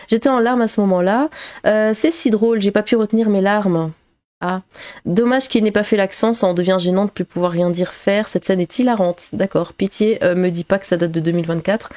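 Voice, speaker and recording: A woman streamer offers casual commentary in a warm, mid-range voice, recorded dry. She fills pauses with "euh," laughs, and makes sarcastic remarks while reading out comments.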